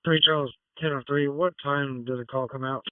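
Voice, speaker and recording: A man's voice: medium pitch, steady tone, brisk, phone-quality sound, noisy background. A man giving brief, procedural police radio calls as an emergency responder, heard through a two-way radio. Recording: distant two-way radio transmission.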